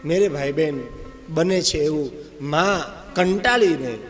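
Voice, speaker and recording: A man from Gujarat telling a devotional story, animated and acting out the scenes as he narrates. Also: a little high, a little slow. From Gujarat, India. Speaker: religious storyteller. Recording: reverberant hall with faint music.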